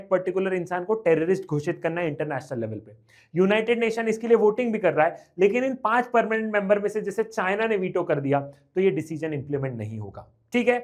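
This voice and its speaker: A young man teaching an exam revision lecture, lively and repetitive, often checking whether the class has understood. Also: high voice. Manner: reads English lines slowly, then explains quickly.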